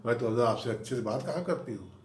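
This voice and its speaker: A man voicing his sharp-tongued, quick-to-anger wife in a comedy sketch. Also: animated, echoey room, slight background noise, lightly acted. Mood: sarcastic. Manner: sarcastic, shrill nagging.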